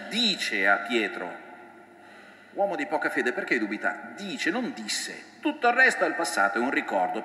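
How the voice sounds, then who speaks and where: A man's voice: medium pitch, pushed and bright. A priest giving a reflective sermon, voicing the scripture he quotes with feeling. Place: church. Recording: echoey church with long reverb.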